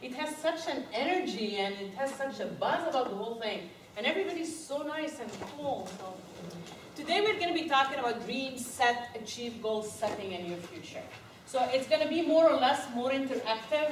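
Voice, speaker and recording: Lively woman speaking to a workshop. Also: on the high side, a little hiss or hum. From Egypt. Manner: lively, laughing, quizzes the audience. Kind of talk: live workshop talk. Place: conference room. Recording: echoey room, recorded from far.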